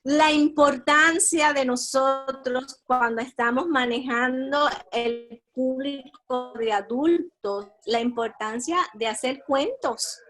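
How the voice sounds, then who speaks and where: A woman's voice: sits high, slow pace, few pauses, a bit bright, soft background music. A woman with a Puerto Rican Caribbean Spanish accent, sharing thoughts conversationally as a workshop participant. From Puerto Rico. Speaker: workshop participant, adult educator.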